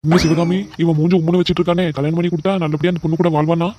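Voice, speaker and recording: A man's voice: fairly high pitch, level tone, warm tone, lightly acted. A man voicing a cautious cartoon father. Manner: measured, advising. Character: cautious middle-aged father. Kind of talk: cartoon voice acting.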